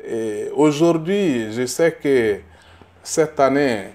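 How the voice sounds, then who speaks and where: Interviewed as a candidate, a middle-aged man from Burkina Faso talks at a slow, halting pace, echoing small words as he gropes for the next. His medium-pitched voice is slightly mellow, and he presses hard on his key points.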